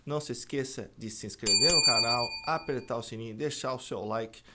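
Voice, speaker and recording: A man with a Brazilian Portuguese accent giving a video lesson on pronunciation as an English teacher, repeating each example word slowly and carefully. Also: medium pitch, heavy background noise.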